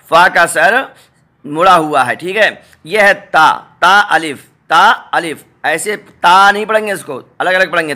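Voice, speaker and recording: A man teaching a Quran reading lesson, patiently naming letter pairs and repeating each one slowly for his viewers. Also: high-pitched, bright, forceful tone. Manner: addresses viewers directly, asks them to look. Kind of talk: step-by-step spoken lesson.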